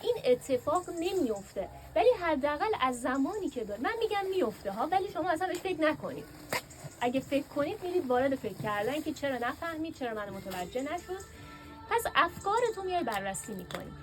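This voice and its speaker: A woman teaching a workshop class in a classroom, lively and asking her students questions. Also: sits high, over music.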